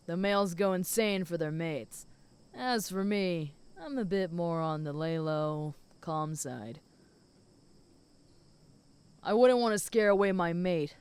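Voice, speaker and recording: A woman voicing a flirty, possessive and protective female werewolf in an intimate audio role-play, speaking teasingly to the listener in a smooth voice. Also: fairly low pitch, no echo, natural voice. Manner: flirty, teasing, with soft chuckles.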